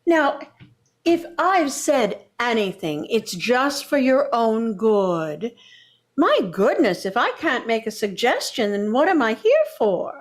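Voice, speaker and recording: Taking her time, with a slightly high voice and big swings in pitch, an actress delivers a patronizing older mother-in-law in vintage radio sitcom style, all sugar and backhanded remarks.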